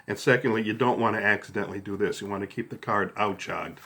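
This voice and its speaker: A middle-aged man with a fairly low voice gives informal step-by-step instructions. He sounds conversational and unscripted, often checking that the listener follows as he demonstrates. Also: fairly even intonation, quick pace, gravelly, sharp tone, slightly rough. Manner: casual, conversational, often checks in with "okay" and "all right". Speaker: card trick instructor.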